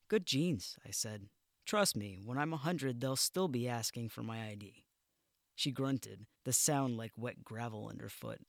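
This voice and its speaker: A man narrating a first-person audiobook in a measured, wry, deadpan way. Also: lowish voice, vocal fry, no echo, clean studio sound.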